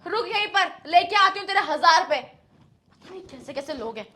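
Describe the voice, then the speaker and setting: A woman playing a shrill, short-tempered housewife. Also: fairly even intonation, unhurried. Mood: scolding. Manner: scolding, shrill, then tearful. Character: short-tempered housewife who turns remorseful. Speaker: actress in a short drama.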